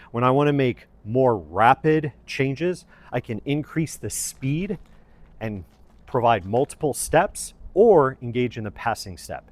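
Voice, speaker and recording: A man teaching a fencing lesson, explaining technique in a methodical, deliberately phrased way. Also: medium pitch. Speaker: fencing instructor. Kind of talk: instructional lesson, explaining footwork.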